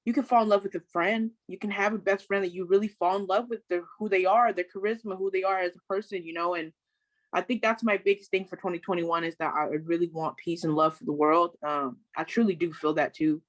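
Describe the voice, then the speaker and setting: A woman from Sacramento, California, takes part as a panelist in a casual discussion, outspoken and emphatic, often restarting sentences. Her voice is fairly low and steady, a little fast, on a rough recording with no room sound.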